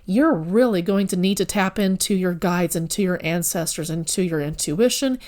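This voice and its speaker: A woman's voice: on the low side, moderate pace, darkish tone. A woman giving a casual spoken tarot reading, talking straight to the viewer in an earnest, rambling way with self-corrections. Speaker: tarot reader.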